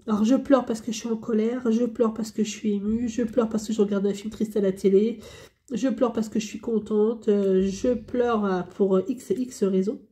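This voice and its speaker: A woman's voice: fairly high pitch, warm tone. A woman vlogger chatting candidly and rambling as she answers tag questions, often repeating herself. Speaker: hobby vlogger.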